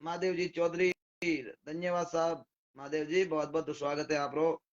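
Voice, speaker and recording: At a moderate pace, a Rajasthani-accented devotional singer thanks his live-stream viewers by name, one after another, in an easygoing manner. He has a hoarse, rather high voice, and the audio is lo-fi and dull, like a phone stream.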